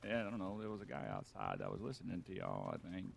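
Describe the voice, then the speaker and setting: A man's voice: low voice, wildly swooping pitch, fast, gravelly, breathy edge. A man in an in-character western role-play, bantering in a dry, stubborn drawl.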